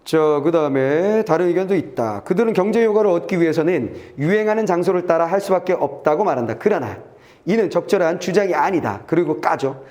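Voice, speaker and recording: A male Korean exam-prep teacher walking students through a test passage, reading lines aloud and checking in with quick asides that trail off low. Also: lively intonation, darkish tone. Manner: brisk and chatty, reads aloud then checks "됐지?" and trails off low.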